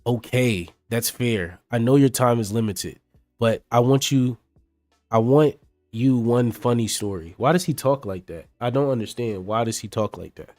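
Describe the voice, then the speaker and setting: A man's voice: medium pitch, normal speed, a little mellow, no echo. A man talks casually on a live stream, reading pages aloud and greeting his viewers by name. His voice sits close and dry on the mic, with no room around it. Faint music plays underneath. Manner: chatty, addresses chat viewers by name.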